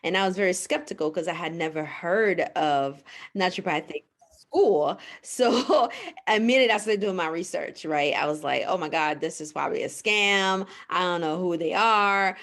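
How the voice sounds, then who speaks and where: Earnest woman doctor, lowish voice. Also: normal speed, fairly bright tone. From Haiti. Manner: earnest, explanatory, with restarts. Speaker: guest naturopathic physician. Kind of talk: podcast interview.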